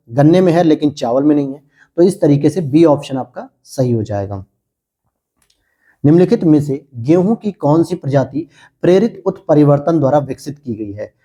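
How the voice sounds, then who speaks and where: Husky-voiced man quizzing and answering himself. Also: fairly high pitch, dark tone. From India. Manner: asks questions then answers them himself. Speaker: exam coaching teacher. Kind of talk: exam prep lecture.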